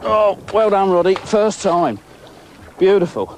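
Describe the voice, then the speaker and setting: With a high voice and a somewhat slow delivery, the man speaks over a faint hiss or hum. He is a middle-aged angling-show presenter out at sea on a boat, talking excitedly about his catch as he fishes. The style is informal commentary from the scene.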